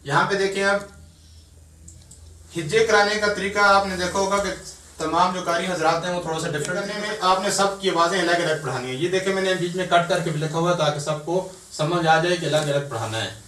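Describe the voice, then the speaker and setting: A man teaching a beginners' tajweed lesson. He talks patiently and drills each sound slowly, one syllable at a time. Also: sits high, bright, forceful tone, a little hiss or hum. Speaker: Quran teacher. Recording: echoey room, mic at a distance.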